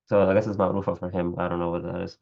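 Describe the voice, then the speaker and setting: A man's voice: low-pitched, flat delivery, moderate pace, gravelly, muffled recording. A man teaching a class. He reads a classical Arabic text aloud, stops to comment in English and corrects his own slips as he goes. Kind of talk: reading aloud and explaining in a class.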